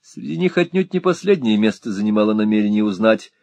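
A man narrating a classic novel as an audiobook in an expressive, theatrical reading. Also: lowish voice, quick pace, no echo.

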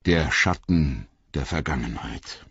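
A man reading an audiobook in measured, calm storytelling narration. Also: extremely low pitch, husky, no room sound. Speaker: audiobook reader. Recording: dull lo-fi dry studio recording.

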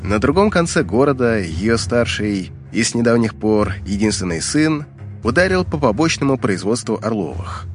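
A man's voice: lowish voice, sing-song, moderate pace, soft background music. A man narrating fiction from a script as an audiobook reader, in a dramatic storytelling style.

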